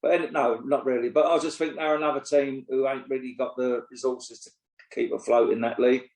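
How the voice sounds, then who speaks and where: A man in his 60s co-hosts a casual football podcast as a pundit, blunt, opinionated, and swearing freely. His voice sits at medium pitch with little pitch movement, a darkish tone, and a slightly fast pace. It's casual chat, recorded with a roomy echo.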